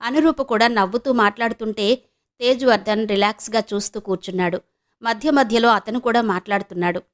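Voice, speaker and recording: A woman reading a novel aloud as an audiobook narrator, in a steady storytelling manner. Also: fairly high pitch, fairly quick.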